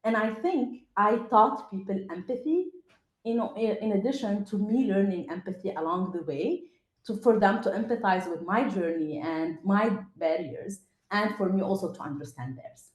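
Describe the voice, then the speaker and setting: This tech programme lead from Lebanon speaks with a Lebanese accent, Arabic being her first language, as she introduces herself to students as a panelist. Her voice is mid-range with a moderate pace. She is on an online video call in an indoor room, and the audio is roomy and echoey.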